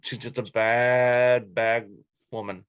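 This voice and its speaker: A man co-hosts a casual sports talk show, counting down a list in a blunt, opinionated way. He speaks slowly with a medium-pitched, level, smooth voice, and the dry recording has studio quality.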